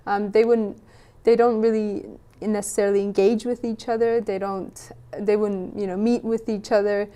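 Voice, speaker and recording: A woman's voice: medium pitch, little pitch movement, normal speed, dark tone, clean tone. A young woman from Western Bosnia, answering interview questions thoughtfully, with frequent restarts. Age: young adult. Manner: thoughtful, many restarts and "you know". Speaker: guest.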